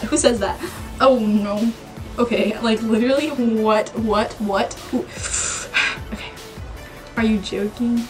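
A woman's voice: on the high side, rough recording. A woman vlogging to camera in a nervous, rambling way. She talks to herself and repeats her words. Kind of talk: casual vlog to camera.

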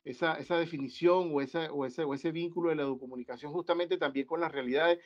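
A man in his forties speaks on an academic video-call panel, his voice sitting a little high for a man. He talks haltingly, circling back through restarts and fillers. The call audio is dull and lo-fi. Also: steady tone. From Venezuela. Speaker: guest researcher. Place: indoor room.

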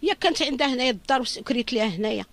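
A woman's voice: a little high, expressive, rapid-fire, fairly bright tone. A middle-aged woman with a Moroccan Arabic accent gives an emotional interview as a victim's mother, talking in an urgent, lamenting and pleading way.

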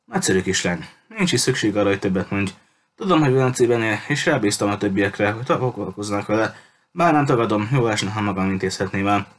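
A cruel pirate captain, as a man reads him in an audiobook, coldly polite and full of threats. The voice sits low and steady. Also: a little hiss or hum, natural voice. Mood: menacing. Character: cruel menacing male pirate captain, adult. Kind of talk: audiobook character reading.

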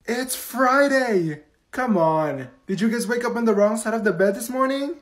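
A man's voice: very high-pitched, quick pace, voice pushed up. A man playing a chirpy, bossy female schoolteacher in a comedy skit. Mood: cheery. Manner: chirpy and scolding. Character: peppy bossy female schoolteacher, middle-aged. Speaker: teacher.

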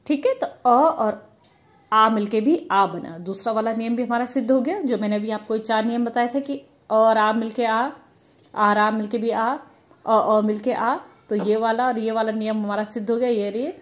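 A woman's voice: on the high side, steady tone, normal speed. A woman teacher giving a grammar lesson, patiently asking questions and answering them herself. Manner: addresses students as children.

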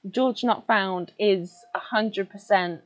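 A woman's voice: mid-range voice, takes it slowly. A British woman chatting casually on a drawing stream, playful and giggly, repeating words over and over. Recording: dull lo-fi stream audio with faint music.

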